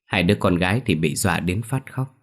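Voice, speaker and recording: A man reading a ghost story aloud as narrator, steady and measured. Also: low-pitched.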